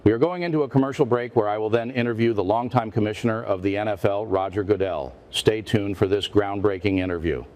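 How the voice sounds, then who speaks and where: A man's voice: lowish voice, fast, few pauses, darkish tone, lightly acted. A man playing a parody news anchor, a stiff, formal, indignant interviewer who presses and repeats himself. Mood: solemn, formal. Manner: stiff, formal, repetitive, confrontational.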